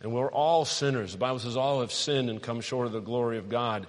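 A middle-aged male pastor preaching a sermon, animated, telling stories and asking the congregation questions. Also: medium pitch, brisk. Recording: long hall reverb.

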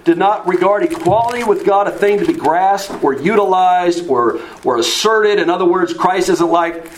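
Male pastor, high voice, chatty sermon delivery, acts out quotes. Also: expressive, moderate pace, a little hiss or hum. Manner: conversational, with asides and acted-out quotes.

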